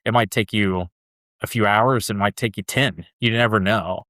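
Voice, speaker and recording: Low-voiced man telling a story, chatty. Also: fairly even intonation, normal speed, fairly bright tone, no room sound, clean studio sound. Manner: loose and chatty, peppered with "like" and "dude". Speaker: podcast guest, ultra runner. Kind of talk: casual storytelling interview.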